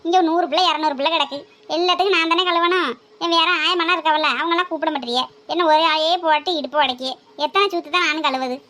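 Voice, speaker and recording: A woman's voice: very high-pitched, fairly even intonation, fast talker, sharp tone. A woman playing a middle-aged school cleaning maid who rants and complains. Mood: grumbling. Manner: complaining, scolding rant.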